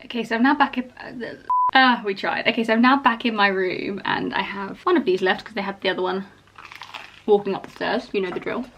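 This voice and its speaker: Rambling young woman with a gravelly edge. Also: medium pitch, a little fast, a bit bright, highs cut off. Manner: rambling, self-deprecating, chatty. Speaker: vlogger. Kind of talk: casual vlog chat. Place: bedroom at home.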